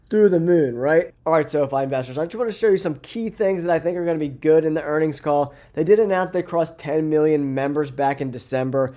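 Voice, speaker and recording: A man's voice: fairly high pitch, warm tone. A man hosting a finance channel, talking casually and upbeat to his viewers about a stock, his voice nasal from a cold. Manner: upbeat, addresses viewers as guys. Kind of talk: casual direct-to-camera stock talk.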